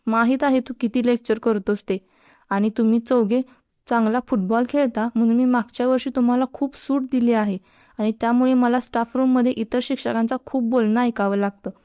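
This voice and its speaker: A woman's voice: a little high, steady tone, brisk, warm tone, clean tone, no room sound, clean studio sound, close to an everyday voice. A woman voicing a stern but kind middle-aged male math teacher, scolding his students.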